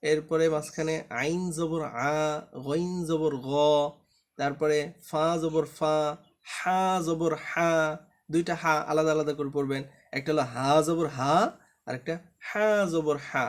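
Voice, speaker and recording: Male teacher, fairly high voice, patient, repeats letter sounds for an online class. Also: little pitch movement, a little slow. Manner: patient, drills letters aloud, asks the class to check understanding. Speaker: Quran reading teacher.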